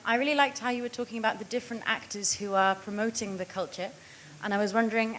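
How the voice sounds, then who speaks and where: A woman in the audience asks a polite question, talking quickly and using a few fillers along the way. A light hiss runs under her voice. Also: mid-range voice, a bit bright. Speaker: audience member asking a question.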